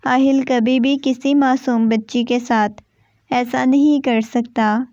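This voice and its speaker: A woman's voice: sits high, fairly even intonation, darkish tone, no room sound. A woman voicing a stern, short-tempered young husband in a storybook reading. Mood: coaxing. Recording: dull, dry lo-fi recording.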